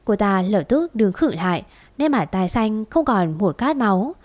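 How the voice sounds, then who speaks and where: A woman tells a romance story in a steady, even reading voice. Her pitch stays in the middle range. She keeps a calm storyteller's pace throughout. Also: normal speed.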